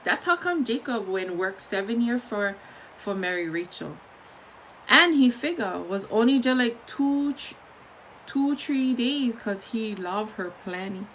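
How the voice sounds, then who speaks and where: A woman's voice: fairly high pitch, lively intonation, a little slow, fairly bright tone, a little hiss or hum, low-quality recording. A woman with a Hawaiian Pidgin accent reading a story aloud in an informal, conversational way.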